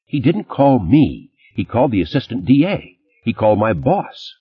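A man reading an audiobook, voicing a sharp, image-conscious ex-wife who scolds in a clipped, indignant way. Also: low voice, very animated, normal speed, slightly rough, highs cut off, exaggerated voice. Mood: furious.

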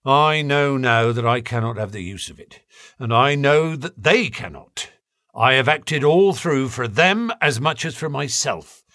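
A man's voice: medium pitch, a bit bright, dry recording, clean studio sound, pitched above the performer's own voice. A man reading aloud, voicing a defiant, bitter middle-aged male convict who talks in an impassioned snarl.

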